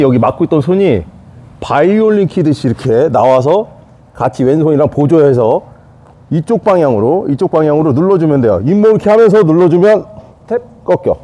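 A man's voice: fairly high pitch, dark tone. A man teaching a jiu-jitsu escape, talking in short repeated cues as he demonstrates on a partner. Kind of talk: hands-on technique demonstration.

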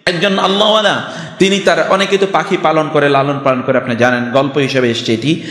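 An older man from Bangladesh delivers a Friday sermon in a voice pitched a little high, leaning on rhetorical questions and storytelling. His words ring out through a large prayer hall with a long, roomy echo. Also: fairly even intonation, a little fast, a bit bright. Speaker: preacher. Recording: echoey hall reverb.

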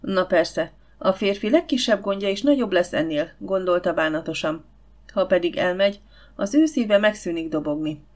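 A woman narrating a novel audiobook in a steady storytelling manner. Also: on the low side. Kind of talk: scripted narration.

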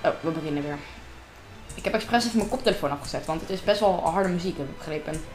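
A woman's voice: lowish voice, fast, a little mellow, roomy sound, faint music behind. Chatty girl commentating her gameplay. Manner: chatty, talks to herself and viewers while playing. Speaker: gamer narrating her own gameplay. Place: room at home. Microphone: desk microphone.

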